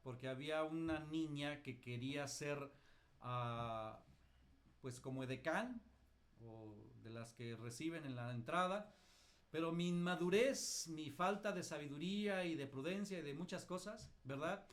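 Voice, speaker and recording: Man, Mexican accent, middle-aged pastor, high voice, colloquial, self-mocking, teaching. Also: unhurried. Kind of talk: lively teaching with personal anecdotes.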